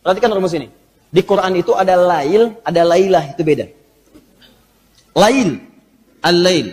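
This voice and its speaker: A high-voiced man delivers an Islamic sermon with animated, playful energy and teases his listeners. His voice rings with long reverb through a large mosque hall. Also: normal speed. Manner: animated, humorous, teasing the audience. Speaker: preacher, ustaz.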